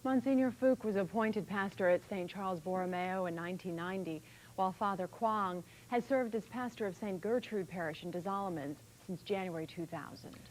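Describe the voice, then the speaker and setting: Female news anchor, scripted reading, medium pitch, faint background noise. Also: a little fast, poor audio.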